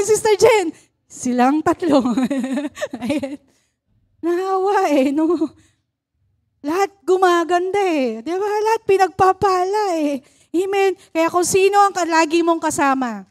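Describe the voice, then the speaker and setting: Filipino lady preacher, high voice, chatty and laughing, keeps asking amen. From Philippines. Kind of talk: Taglish sermon.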